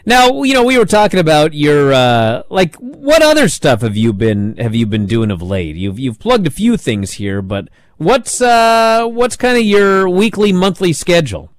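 A man co-hosting an interview, asking lively, rambling questions. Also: on the high side, a little slow, few pauses. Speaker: podcast co-host.

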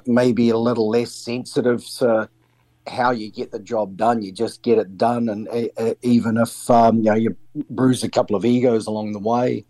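A middle-aged New Zealand man with a New Zealand accent, a sailing skipper, answers questions in an on-air interview with lots of ums and restarts. His mid-range voice is mellow, and the recording is dry.

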